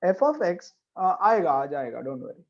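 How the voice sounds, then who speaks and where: Man, maths teacher, classroom lecture, emphatic, repeats himself, unhurried, muffled lo-fi sound. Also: high-pitched, very animated, a little mellow. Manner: emphatic, repeats key points, checks in with students. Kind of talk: classroom lecture mixing Hindi and English.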